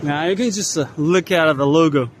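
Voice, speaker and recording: A man casually narrating a walking tour of a trade expo, unhurried, spelling out brand names letter by letter as he walks. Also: on the high side, noisy background. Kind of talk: casual walk-and-talk narration. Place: large indoor trade expo hall.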